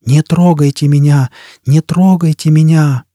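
A woman's voice: low-pitched, steady tone, takes it slowly, dark tone, dry recording, clean studio sound. A man voicing a terrified woman who shrieks and pleads for her life in an audiobook. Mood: terrified pleading.

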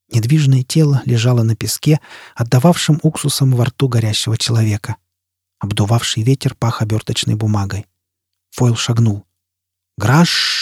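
Dark, husky male audiobook narrator. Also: mid-range voice, dry recording. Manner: steady, measured reading. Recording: dry, close studio sound.

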